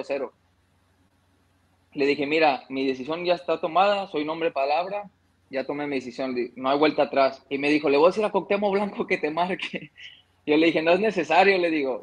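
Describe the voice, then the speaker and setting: A man in his thirties from Mexico recounts his career in an easygoing interview. His voice sits a little high. He talks conversationally and stops now and then to excuse a cough. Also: rough recording. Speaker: guest, former footballer. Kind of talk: casual interview storytelling.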